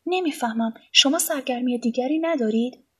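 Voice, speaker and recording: A woman's voice: high voice, a little mellow, slightly rough, voice pushed up. A woman reading a storybook voices an agitated, despairing young man of twenty. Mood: angry. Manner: agitated, raised voice.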